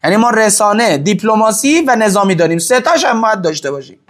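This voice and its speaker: High-voiced man, emphatic and repetitive. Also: expressive. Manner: emphatic, repeats phrases for stress, swings between loud and hushed. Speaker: religious-political speaker answering audience questions. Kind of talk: impassioned casual talk to an audience.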